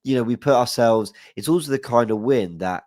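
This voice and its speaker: A young football podcast guest, calling in by video from a room at home, talks a little fast in a mid-range, slightly mellow voice. His nose is stuffed up from hay fever, and he rambles nervously, apologizing often. Recorded on a studio mic with headset, the sound is clean, studio-like and free of room sound.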